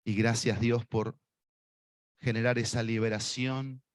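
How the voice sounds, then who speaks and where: Leading his audience in prayer during an evangelistic sermon, a Rioplatense-accented man makes fervent, repeated appeals straight to listeners. He keeps a measured pace in a mid-range voice with little pitch movement, and the recording has no echo.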